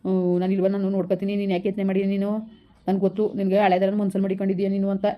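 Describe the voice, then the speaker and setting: A woman playing a gentle young village husband who keeps coaxing his pregnant wife. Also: medium pitch, monotone, racing, highs cut off, close to an everyday voice. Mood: soothing. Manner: soothing, repetitive coaxing. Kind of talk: village skit acting.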